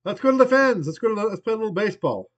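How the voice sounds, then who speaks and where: A man in his forties hosts a casual play-by-play of a baseball game replay, his high voice hoarse from a lingering cold. He races along animatedly, rambling loosely and trailing off mid-thought, while the slightly muffled home recording makes him sound a bit dull.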